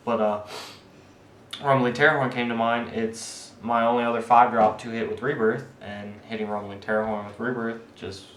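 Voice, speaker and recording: A man casually walking through his card game deck, explaining his picks in a halting way full of fillers and restarts. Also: mid-range voice, level tone, a bit bright. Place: indoor room with friends nearby. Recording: echoey room with faint background hiss.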